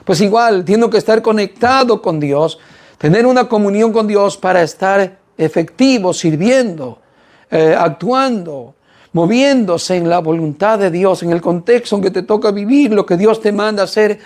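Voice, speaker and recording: A man's voice: sits high, normal speed, a little mellow. A man preaching a sermon in an earnest way, often putting rhetorical questions to his listeners.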